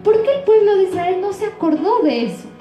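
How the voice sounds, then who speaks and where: Female Ecuadorian pastor preaching to her congregation, high and warm, in a roomy hall. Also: very animated, brisk. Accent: Ecuadorian Spanish. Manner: frequent rhetorical questions to the congregation. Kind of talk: sermon.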